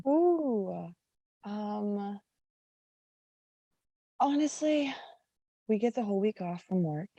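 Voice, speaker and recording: Woman podcast host, gravelly morning voice, chatty and filler-heavy, dry close mic. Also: mid-range voice, animated, slow, long pauses, warm tone, dry recording, highs cut off. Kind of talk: casual chat.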